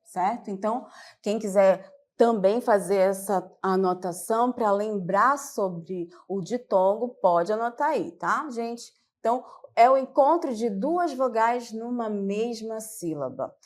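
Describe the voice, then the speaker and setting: A woman teacher with a Brazilian Portuguese accent gives a televised classroom lesson, explaining step by step and often checking that her students follow. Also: mid-range voice. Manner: slow and patient, explains step by step with check-ins.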